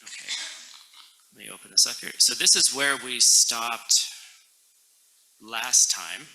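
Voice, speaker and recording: A man teaching a class in a relaxed, joking way, correcting himself as he explains a text. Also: medium pitch, takes it slowly, gravelly, a little hiss or hum, poor audio.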